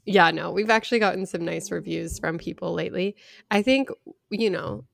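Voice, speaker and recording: A young adult woman with vocal fry, chatting casually as a podcast co-host in a wry, self-deprecating way. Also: lowish voice, moderate pace.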